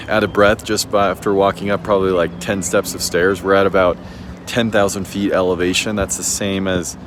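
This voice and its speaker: Male travel vlogger, deep voice, casual rambling delivery, recorded outdoors. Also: a little hiss or hum. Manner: relaxed, chatty, says "you know" and "like" a lot. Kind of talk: casual travel vlog narration. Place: outdoors on a hilltop city viewpoint.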